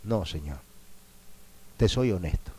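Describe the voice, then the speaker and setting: Spanish-speaking male preacher, hushed to fervent. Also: deep voice, expressive, a little slow, breathy edge, poor audio. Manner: swings from hushed prayerful tones to loud emphatic cries. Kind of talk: sermon.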